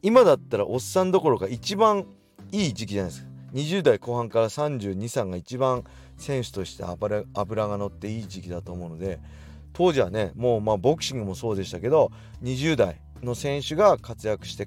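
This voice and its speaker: A man's voice: fairly low pitch, animated, brisk, faint music behind. A man in his forties hosts a solo talk show, chatting loosely with many fillers and reading out listener letters. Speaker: podcast host and fighting gym owner.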